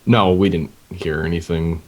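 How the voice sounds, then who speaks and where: A man's voice: low voice, little pitch movement, moderate pace. A man co-hosting a casual podcast, laid-back and chuckling along. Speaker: podcast co-host. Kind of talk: casual chat.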